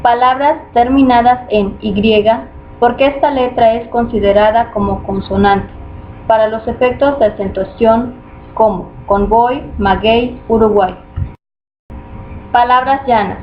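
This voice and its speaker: A woman reading a grammar lesson aloud in a steady, measured way, going through rules and examples. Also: on the high side. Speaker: student presenter. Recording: muffled lo-fi recording with faint noise.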